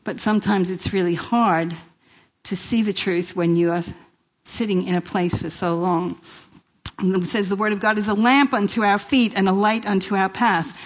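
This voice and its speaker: In a steady, mid-range voice at a moderate pace, a middle-aged woman from New York gives a live, informal inspirational sermon at a church women's event. Her New York accent carries hints of Italian and Australian, and her talk is chatty and exhortative, built on rhetorical questions and repeated phrases.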